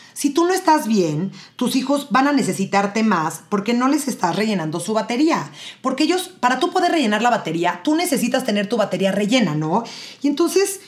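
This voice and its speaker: A woman hosting an episode on emotional parenting, speaking straight to the listeners and often checking in with them. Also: mid-range voice. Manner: addresses listeners directly, often ends with tag questions. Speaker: host and parenting educator. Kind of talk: educational talk to parents.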